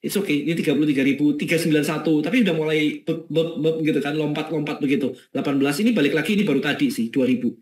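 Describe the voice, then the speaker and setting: A middle-aged man leads an online marketing webinar, talking in a lively, conversational way and checking in with his audience often. His voice sits a little high for a man. The sound is roomy and echoey. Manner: lively, conversational teaching with many "oke" and "ya". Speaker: webinar speaker.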